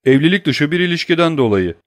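A man's voice: on the high side, animated, fast talker, no room sound, studio quality, pitched above the performer's own voice, lightly acted. A man voicing a cowardly, scheming thief who whines and pleads in an audiobook reading. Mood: sly. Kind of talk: audiobook character voice.

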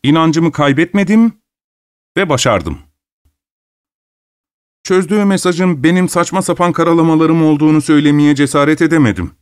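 Man reading a story, calm and wry, dead dry recording. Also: on the high side, normal speed, long pauses, smooth, no room sound. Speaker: narrator. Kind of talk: scripted story narration.

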